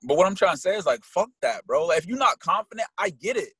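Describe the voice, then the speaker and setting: A man talking on a podcast, emphatic and excited, full of slang and calling his partner "bro". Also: sits high, fast talker, husky, dry recording, poor audio. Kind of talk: casual podcast chat.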